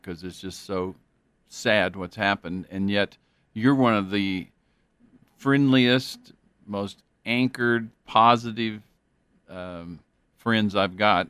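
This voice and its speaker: Low-voiced earnest host. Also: male voice, a bit bright, no room sound. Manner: earnest, rambling with many fillers. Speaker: interview host. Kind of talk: faith interview conversation.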